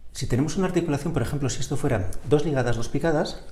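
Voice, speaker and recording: A man's voice: a little high, racing. A man teaching a wind instrument lesson, explaining articulation and singing syllables like "ta" and "da" to show it, often checking in with a short "mm?". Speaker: music teacher. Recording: roomy echo, faint noise.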